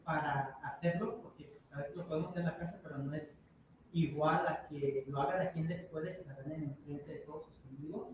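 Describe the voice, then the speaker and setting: A man's voice: fairly high pitch, fairly even intonation, a little fast. Tentative man, distant in an echoey room. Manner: tentative, hedging. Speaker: parent at a school meeting. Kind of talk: informal spoken suggestion. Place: indoor school meeting room. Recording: very echoey room, distant mic, faint noise.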